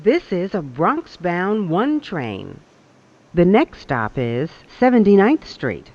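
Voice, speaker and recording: A recorded subway announcer heard over a train loudspeaker, speaking in measured, evenly spaced phrases. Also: mid-range voice, wildly swooping pitch, highs cut off. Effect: played over a train loudspeaker.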